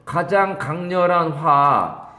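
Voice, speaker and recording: A lively middle-aged man teaching English for an upcoming exam, with a somewhat high voice that swings widely in pitch. He reads English phrases slowly, then explains them and throws questions at his students. His voice rings in an echoey room. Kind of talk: exam-prep English lecture.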